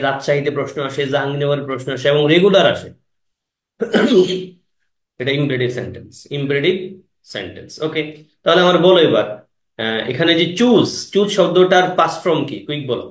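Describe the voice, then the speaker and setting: In an exam-prep class, a male teacher covers English grammar, rapidly quizzing his students and echoing the important words. His pitch is a little high, heard in a roomy acoustic.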